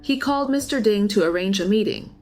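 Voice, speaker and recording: A woman's voice: medium pitch, expressive, fairly quick. Scripted female narrator over music.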